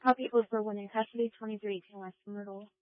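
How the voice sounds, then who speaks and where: Fast woman dispatcher over a walkie-talkie. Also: medium pitch, little pitch movement, no room sound. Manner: clipped, reads out addresses and codes. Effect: over a walkie-talkie radio. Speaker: police dispatcher. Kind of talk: radio dispatch calls. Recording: tinny, dry radio channel.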